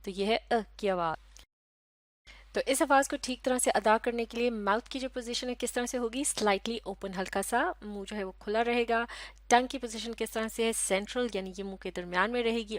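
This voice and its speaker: A woman's voice: mid-range voice, dry recording. A woman from Pakistan with a Pakistani Urdu accent teaching English vowel sounds in a recorded lesson, patiently explaining step by step and repeating each sound several times.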